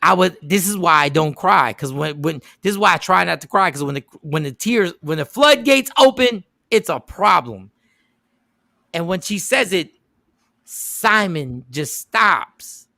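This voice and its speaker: A radio show host telling a story casually, with emphatic repeats and quoted voices. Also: male voice, high-pitched, expressive, a little slow, creaky, sharp tone, no room sound, studio quality.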